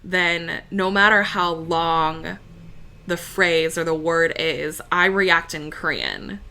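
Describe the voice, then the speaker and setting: Her lowish voice is bright-toned and slow as this young woman, an opera singer from the United States, chats as an interview guest. The conversation is casual, and she sounds relaxed, uses lots of fillers, and laughs easily.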